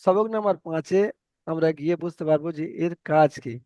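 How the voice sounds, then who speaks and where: A man's voice: a little high, brisk, mellow, dry recording. A male teacher with an Indian Bengali accent, leading an online Arabic reading lesson and patiently repeating letter sounds for his students. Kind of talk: online Quran reading class.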